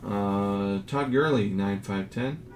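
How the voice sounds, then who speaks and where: A man casually narrating as he reveals graded trading cards, reading out each grade in a low-key, unhurried way. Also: over music. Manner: slow, low-key commentary, grades read in a flat list. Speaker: card collector. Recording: audible background noise.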